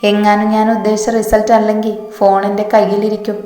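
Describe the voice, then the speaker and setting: Lady voicing a bossy protective guy, firm, flat tone, echo and music behind. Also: medium pitch, quick pace, close to an everyday voice. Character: protective, commanding young man.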